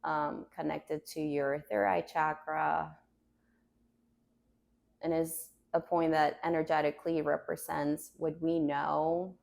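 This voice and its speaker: A woman with a low, slightly creaky voice guides a grounding meditation. She speaks calmly and gently, taking her time and leaving space between phrases as a yoga teacher would. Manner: calm, gentle instruction with unhurried pauses.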